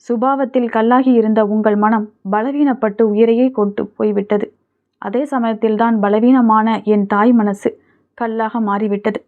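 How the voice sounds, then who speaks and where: A woman's voice: a little high, fairly even intonation, moderate pace, lightly acted. A woman voicing a grieving, strong-willed older widowed mother in an audiobook, speaking emotionally. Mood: anguished. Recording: tinny phone-like sound.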